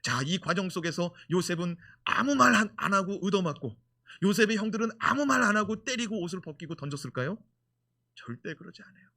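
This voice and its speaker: A male pastor preaching a sermon in an animated way, full of rhetorical questions. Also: high-pitched, fairly quick.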